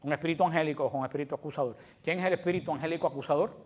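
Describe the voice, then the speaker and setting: A man's voice: a little high, rapid-fire. A male preacher giving a sermon in a conversational way, often asking his congregation questions.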